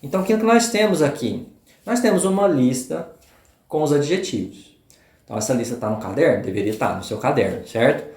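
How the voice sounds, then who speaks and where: A man from Brazil gives a review lesson before a test, walking through each rule and checking in often with short questions. His voice sits at a middling pitch. The recording bounces around an echoey room. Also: expressive, a little fast, a little mellow. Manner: explains step by step, checks in often with short tags. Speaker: English teacher.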